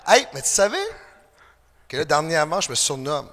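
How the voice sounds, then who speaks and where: A man with a Québécois French accent hosting a podcast, an animated hype man who keeps the banter rolling. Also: on the high side, long reverb tail. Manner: animated hype man, quick to laugh along. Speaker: podcast host.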